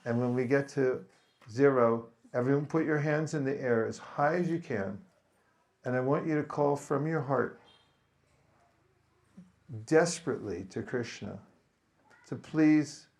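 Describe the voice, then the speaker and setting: A man giving a spiritual talk to a gathering, speaking slowly and deliberately and pausing for his translator. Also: medium pitch, darkish tone. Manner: slow, deliberate, leads group chanting. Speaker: visiting speaker.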